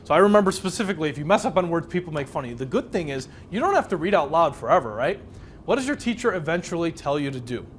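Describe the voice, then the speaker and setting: Teaching a live speed reading workshop, a young Chicago man who grew up speaking Polish keeps things conversational and questions the audience often. He sounds quite high, very animated and fast, with slight background noise.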